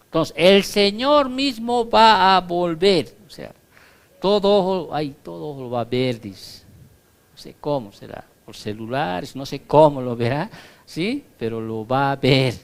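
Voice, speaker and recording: A man's voice: a little high, animated, unhurried, gravelly. A male pastor giving a Bible study sermon in a conversational teaching tone, explaining through comparisons and constantly checking that his listeners follow.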